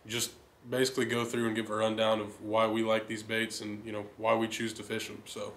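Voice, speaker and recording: A young man hosting a fishing channel, giving a steady, enthusiastic rundown of his lures in a casual chat. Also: on the low side, a little fast. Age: young adult. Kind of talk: casual gear talk to camera. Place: indoor living room.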